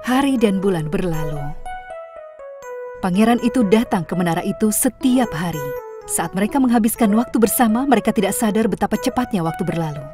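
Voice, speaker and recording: A woman narrating a fairy tale for a cartoon in an even, clear scripted storybook voice. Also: medium pitch, fairly quick. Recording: studio voice-over with music bed.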